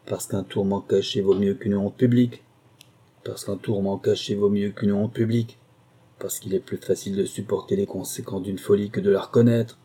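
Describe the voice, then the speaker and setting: A man's voice: on the low side, steady tone, normal speed, warm tone, slightly rough. A man reading a story, voicing a stern, hostile old husband who mocks his wife. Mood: cold. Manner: mocking, growling.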